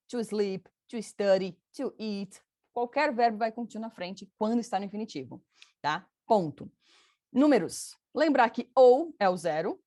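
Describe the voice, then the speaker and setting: A woman teacher from Brazil, explaining patiently in a chatty, informal way. Her voice sits at a middle pitch, recorded dry and close with no room sound. She keeps checking that her students follow and repeats each example. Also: warm tone, no room sound. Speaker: English teacher. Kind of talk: casual online lesson.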